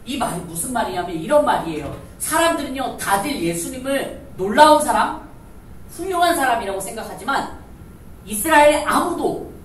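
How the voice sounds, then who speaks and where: Animated woman pastor preaching to children. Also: a little high, slight background noise. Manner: animated, asks the children questions, acts out voices. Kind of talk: children's sermon. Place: church hall. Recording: echoey hall, distant mic, loud music.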